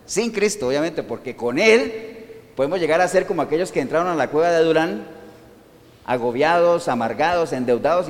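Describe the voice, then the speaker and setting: A man preaching a sermon who keeps asking his congregation questions and waits for their answers. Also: a little high. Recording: long reverb in a hall.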